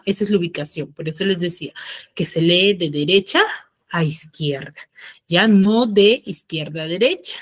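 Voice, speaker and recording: A woman teaching an online class in a dry, close sound with no room echo. She often stops to check that the students follow. She slows down and spells out each rule. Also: lowish voice. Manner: checks understanding with frequent "ya?" and "sí?"; slows down to stress key rules.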